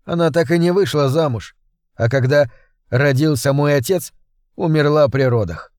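Brief: man, scripted horror narration, dramatic and tense, higher voice, dead-dry studio sound. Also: moderate pace, a little mellow, no echo. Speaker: audiobook narrator.

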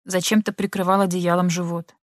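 A woman narrating a literary audiobook in an expressive, measured manner. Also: on the low side, dry recording, studio quality.

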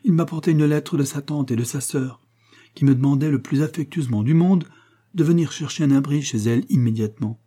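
Brief: earnest young heroine in a storybook reading, pleading and emotional, dark husky tone, played by a man. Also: a little high, a little fast, pitched above the performer's own voice. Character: young woman, earnest and lovesick.

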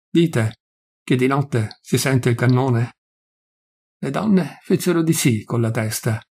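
A man reading a literary story aloud in a measured storytelling manner, lightly voicing the dialogue. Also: mid-range voice, creaky, a little mellow, slightly rough. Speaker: reader.

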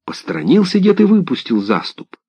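A man narrating a folk tale in an expressive, dramatic reading. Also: fairly high pitch, brisk, husky, no room sound. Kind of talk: scripted storytelling narration. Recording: dull lo-fi dry recording.

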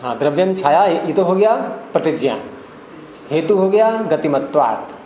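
A man's voice: a little high, sing-song, normal speed, mellow. A man lecturing a class on classical Indian logic and grammar, explaining step by step and quizzing his students. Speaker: teacher of Nyaya philosophy. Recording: echoey room with faint hiss.

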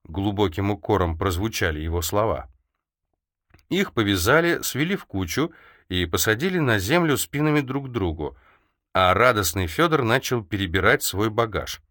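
A man reading a historical tale aloud in a measured storytelling manner. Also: on the low side, fairly bright tone, no echo, clean studio sound. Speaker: narrator. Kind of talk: audiobook reading.

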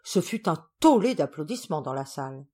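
A woman narrating a comic science fiction audiobook in a lively, expressive reading. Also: low voice, brisk, husky. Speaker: audiobook reader.

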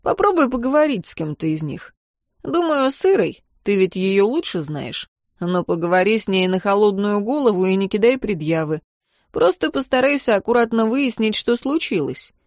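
A woman's voice: medium pitch, sing-song, a little mellow, dry recording, clean studio sound. Woman reading as a cocky teasing young man. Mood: advising. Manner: smug, slow and teasing. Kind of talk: audiobook narration.

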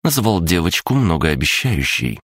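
A man narrating an audiobook in a measured, even first-person telling. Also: low-pitched, dry recording, clean studio sound.

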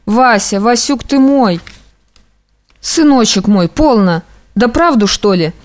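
A woman reading aloud, voicing an excitable, sentimental young man who exclaims and gushes. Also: fairly high pitch, takes it slowly. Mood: astonished. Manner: exclamatory, effusive. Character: young male clerk friend, excitable and sentimental.

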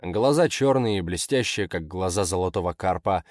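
A man reading fiction aloud in a measured, expressive narration. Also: deep voice, dry recording, studio quality. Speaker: audiobook narrator. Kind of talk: scripted narration.

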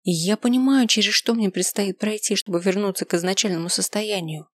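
A woman's voice: brisk, no echo, lightly acted. A woman doing a tearful, bitter young woman. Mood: distraught, angry. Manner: strained, tearful and high.

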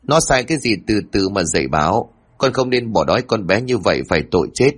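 A man voicing a kind older neighbor woman who speaks gently and pleads for a child. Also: fairly low pitch, animated, brisk, breathy edge. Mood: pleading. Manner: soothing, pleading.

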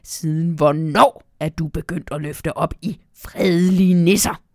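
Woman reading as a cranky tiny christmas elf, huffy and easily offended, slightly gravelly, dry close sound. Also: lowish voice, animated, no room sound. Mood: indignant. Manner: indignant shouting.

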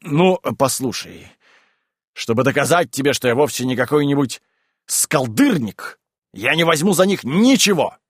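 A man voicing a boisterous, rude male landowner who shouts and bullies in an audiobook reading. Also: medium pitch, animated, moderate pace, slightly rough, dry recording, clean studio sound. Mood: blustering. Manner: shouting, blustering, pushy.

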